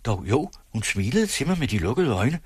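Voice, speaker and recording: A man's voice: mid-range voice, big pitch swings, slightly rough, no echo, clean studio sound, pitched above the performer's own voice. A man voicing a young, half-drunk, lovestruck suitor in an audiobook, speaking in rapturous, theatrical declarations. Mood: dazed. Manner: rapturous, theatrical, jealous outbursts.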